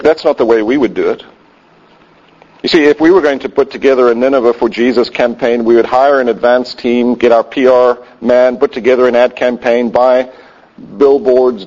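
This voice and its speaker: A man's voice: medium pitch, a little mellow. A man preaching a sermon in a conversational way with wry asides. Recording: dull lo-fi sound.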